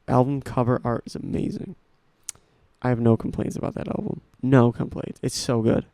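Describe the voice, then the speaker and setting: This young adult host, nineteen, chats solo about music with enthusiasm, rambling and frequently starting over. He speaks at a medium pitch and moderate pace, animated, creaky and warm, with no room sound in the recording.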